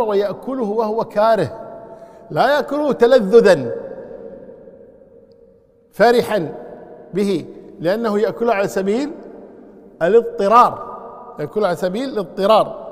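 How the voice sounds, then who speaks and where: High-voiced man teaching in a reverberant hall. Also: animated. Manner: explanatory, repeats key phrases slowly. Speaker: Islamic scholar. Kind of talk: Quran commentary lesson.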